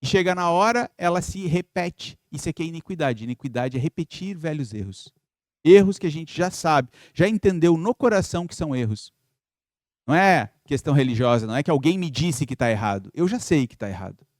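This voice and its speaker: A man delivers an earnest spiritist lecture, voice pitched a little high. He keeps posing rhetorical questions, thoughtful and steady. The sound is dry and close, with little room around it. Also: fairly quick, dry recording. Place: spiritist center lecture hall.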